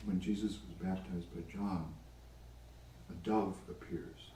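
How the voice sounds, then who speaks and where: A man with a low, mellow voice leads a prayer group, retelling scripture in a relaxed, chatty way with wry asides. He is recorded from a distance in an echoey room with a faint hiss underneath. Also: a little slow. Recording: echoey room, far from mic.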